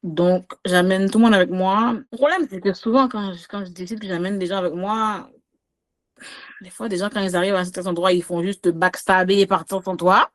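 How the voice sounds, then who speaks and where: A Québécois comedian, speaking French with a Quebec accent, chats as a podcast guest in a casual interview. Her mid-range voice runs a little fast, animated, with frequent laughter and big swings.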